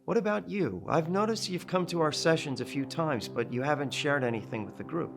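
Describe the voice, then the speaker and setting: An actor playing a male support group leader who speaks calmly and reassuringly, in film dialogue. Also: on the high side, a little fast, gravelly, over music. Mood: gentle. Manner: calm, gentle, reassuring. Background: film score.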